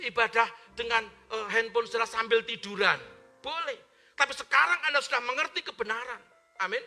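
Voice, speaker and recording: A man preaching a sermon in church, speaking loudly and forcefully and calling on the congregation to repeat his words. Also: extremely high pitch. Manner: loud forceful preaching with call-and-response prompts. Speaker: pastor. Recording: live-streamed church service with faint music.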